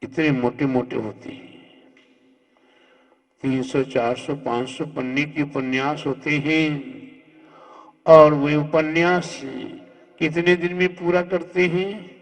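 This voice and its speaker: Man, Jain monk, devotional sermon, slow deliberate delivery, rhetorical questions to listeners, long echoing hall. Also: on the high side, flat delivery. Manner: fond, didactic address to listeners with rhetorical questions.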